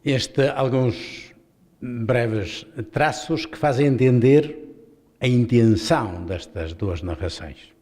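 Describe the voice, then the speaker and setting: Portuguese bishop explaining scripture. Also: male voice, medium pitch, darkish tone. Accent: European Portuguese. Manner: explanatory, with restarts and rhetorical questions. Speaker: bishop leading a Bible study. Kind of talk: guided Bible reading talk. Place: seminary hall.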